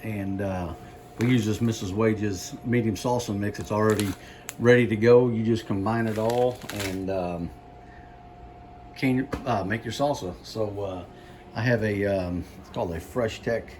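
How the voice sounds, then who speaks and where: Halting, low-voiced man giving a casual cooking demo. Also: a little mellow, slight background noise. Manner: halting, unhurried, folksy explaining. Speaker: home cook presenting a recipe.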